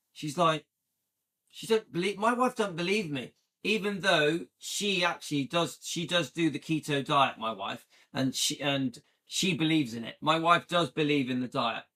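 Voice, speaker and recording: This livestream host is a British man in his late fifties whose voice is a little high and sharp, moving at a moderate pace. He chats enthusiastically and casually with his audience, often tossing in "yeah?".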